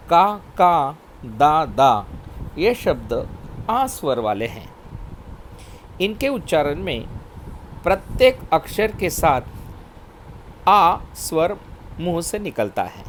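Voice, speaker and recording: Slow, lively-voiced man teaching children. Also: fairly high pitch, slight background noise, poor audio. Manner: slow, spelled-out word drills; repeats "okay, children". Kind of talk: primary school Hindi lesson.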